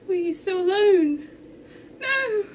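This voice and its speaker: A woman reacting to a music video in casual commentary, excitable and gushing, with sudden squeals and exclamations. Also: high voice, measured pace, slight background noise. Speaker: reaction vlogger.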